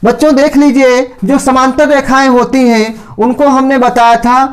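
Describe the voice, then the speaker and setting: A man's voice: extremely high pitch, little pitch movement, normal speed. A man teaching a school maths lesson, asking his own questions and answering them step by step. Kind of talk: classroom lecture to school pupils.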